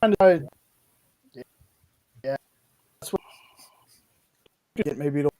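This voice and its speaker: A man chatting as a podcast co-host, his voice breaking up and cutting out over a glitchy video call, talking in halting bits. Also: a little high, dark tone, no echo. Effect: choppy, freezing video-call audio that breaks up.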